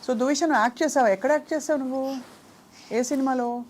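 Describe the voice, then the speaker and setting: Coaxing higher-voiced woman interviewer. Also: fast talker, darkish tone, slight background noise. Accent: Telugu. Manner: coaxing, teasing, asks many short questions. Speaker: interview host. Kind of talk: playful interview with a small child.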